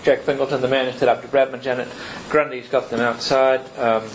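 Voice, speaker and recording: A man chairing a book talk, casual and halting, with many fillers and restarts. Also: mid-range voice, little pitch movement, muffled recording, a little hiss or hum. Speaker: event chair. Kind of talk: casual hosting and Q&A. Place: lecture room with an audience.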